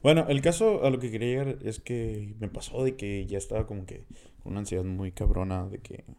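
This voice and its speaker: Fast-talking young northern Mexican man. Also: on the low side, darkish tone, a little hiss or hum. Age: young adult. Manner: slangy, swearing. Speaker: podcast host. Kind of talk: casual chat with personal storytelling.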